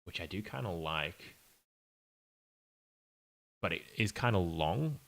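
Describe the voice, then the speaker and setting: A man's voice: sits low, lively intonation, slow, creaky, fairly bright tone. A young man streaming as an indie game developer, muttering and thinking aloud in a casual, apologetic way. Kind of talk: casual live-stream chat while coding.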